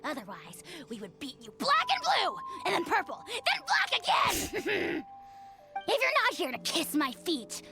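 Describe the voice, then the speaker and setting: A bossy little dragon lord talks down to everyone in grand, imperious game dialogue. The voice sits high and leaps all over, cackling between decrees. Loud game music plays behind. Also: female voice, huge pitch swings, unhurried, full character voice. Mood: blustering. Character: pompous tiny male dragon lord, haughty and bossy.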